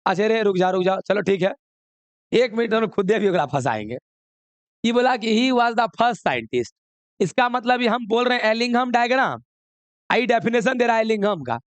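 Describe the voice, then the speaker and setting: A man's voice: high-pitched, expressive, brisk, clean tone, no room sound. A man teaching a chemistry class, coaxing and scolding students while mixing with English. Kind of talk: classroom lesson.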